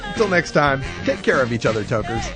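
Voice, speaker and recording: A man's voice: medium pitch, very animated, brisk, over music. A man hosting a podcast, rambling and joking through news stories with frequent laughs. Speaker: podcast host. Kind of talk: casual news commentary.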